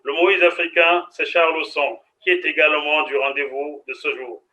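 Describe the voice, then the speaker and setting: A man hosting a studio interview on a web TV show, lively and playful with his guests. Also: on the high side, moderate pace, low-quality recording. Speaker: TV show host.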